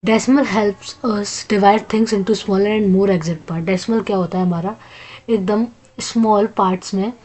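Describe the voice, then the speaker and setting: Young Indian woman maths teacher, slow on English lines, quick on Hindi ones, mid-pitched voice. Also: fairly even intonation, darkish tone. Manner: often asks and answers her own questions. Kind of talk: classroom lesson mixing Hindi and English.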